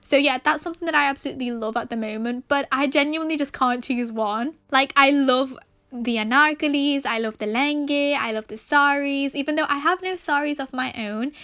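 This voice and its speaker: A young woman speaks in a high-pitched voice. She is chatty and enthusiastic, leaning on words for emphasis as she answers questions in a casual vlog style. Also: pushed and bright. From Pakistani background. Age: young adult. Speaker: vlogger.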